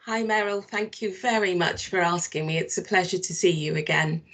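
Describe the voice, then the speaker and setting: Middle aged woman being interviewed, a bit low voiced, reflective, feels her way through sentences. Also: normal speed, a bit bright. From London and Barbados. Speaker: social worker being interviewed.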